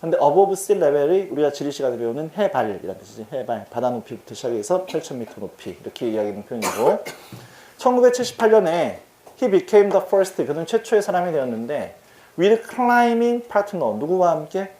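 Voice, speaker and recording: A man's voice: a little high, expressive, moderate pace, dark tone, roomy sound. A man teaching English vocabulary in a casual exam-prep lecture. He talks in a chatty, slangy way and keeps asking his students questions.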